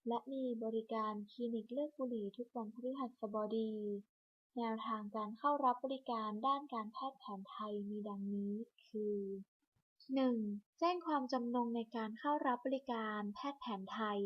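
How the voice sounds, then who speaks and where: Lady reading clinic info over the hospital pa, kinda high voice, muffled lo-fi sound, steady list-by-list. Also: breathy edge. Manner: measured, even list-by-list reading. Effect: broadcast over a hospital public address system. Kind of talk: scripted informational announcement. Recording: muffled lo-fi loudspeaker broadcast.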